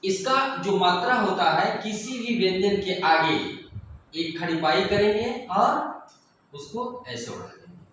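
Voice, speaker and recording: A man teaching young children, speaking slowly and deliberately and repeating each sound for the pupils. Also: sits high, a bit bright. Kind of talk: classroom lesson for children. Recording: echoey room, mic far off, faint noise.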